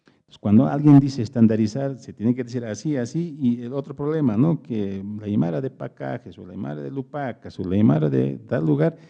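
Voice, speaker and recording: A man, speaking as the invited speaker at a public talk and answering audience questions, halting and searching for words with many pauses. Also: medium pitch, creaky, mellow, highs cut off. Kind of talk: explanatory lecture with audience questions.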